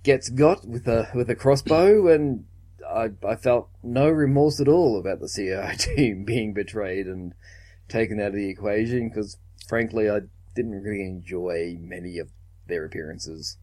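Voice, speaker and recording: A man's voice: fairly low pitch, moderate pace, mellow. A man co-hosting a podcast, casually retelling a film's plot with occasional chuckles. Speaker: podcast co-host. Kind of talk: casual film recap chat.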